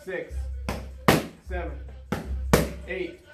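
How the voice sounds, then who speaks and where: Male boxing trainer, higher-set voice, terse encouraging calls over glove hits, recorded at a distance in a gym. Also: level tone, drawn-out words. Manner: clipped, repetitive, encouraging commands amid physical exertion; calling out while taking punches on mitts. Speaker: boxing coach. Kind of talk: calling pad-work drills in short commands. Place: large indoor boxing gym. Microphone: far camera. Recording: roomy gym, distant mic, loud music behind. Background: loud music, thuds of punches on mitts.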